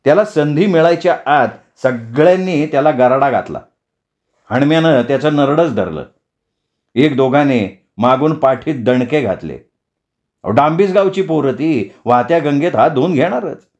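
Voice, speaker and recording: A man's voice: on the high side, animated, normal speed, a little mellow. A man telling a village story in a vivid, dramatic storytelling manner. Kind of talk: Marathi story narration. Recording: dull lo-fi recording.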